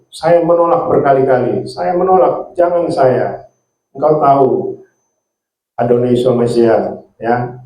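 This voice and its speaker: A man's voice: medium pitch, warm tone. Man, preacher, sermon, repeats himself, ends phrases with "ya", roomy echo.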